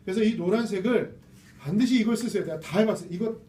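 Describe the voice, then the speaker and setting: A man's voice: high-pitched, fast, warm tone. A man teaching a casual reading lecture to a small class, chatty and full of rhetorical questions. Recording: roomy, distant mic with faint noise.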